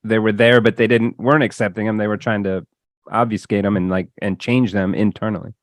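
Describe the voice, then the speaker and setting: A man hosts a podcast interview, putting casual questions to his guest in an easy conversational way. His voice sits on the low side, and it is recorded dry and close, with no room sound. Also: steady tone, fairly quick, no room sound. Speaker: podcast host.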